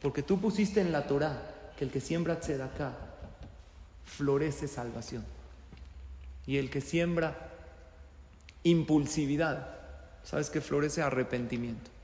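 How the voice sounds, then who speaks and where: A man's voice: on the high side, measured pace, long pauses, a little mellow. A man teaching a Torah class to live listeners in a hall, often asking them rhetorical questions. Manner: asks the audience rhetorical questions. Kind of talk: religious class lecture. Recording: roomy hall with long reverb.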